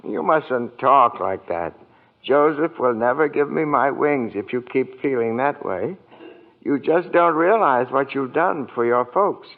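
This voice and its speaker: A man playing a kindly, eccentric apprentice guardian angel in old-time radio drama, genteel, earnest and gently insistent. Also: medium pitch, animated, unhurried. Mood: earnest, persuasive. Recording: tinny vintage radio broadcast.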